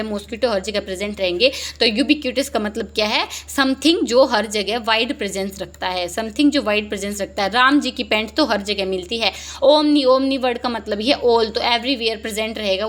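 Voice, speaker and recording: A young woman teaching exam vocabulary, joking and lively, reading each answer option slowly before explaining it. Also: a little high. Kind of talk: exam-prep lesson, Hindi mixed with English.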